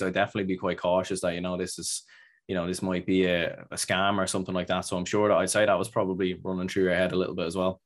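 A man hosting a casual podcast interview, asking long, rambling questions full of "like" and restarts. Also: sits low. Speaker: podcast host.

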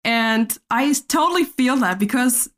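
A young woman from Germany hosting a casual podcast chat, talking in a relaxed, chatty way with lots of fillers. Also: a little high, normal speed. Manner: chatty, laughs often, frequent fillers. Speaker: podcast host.

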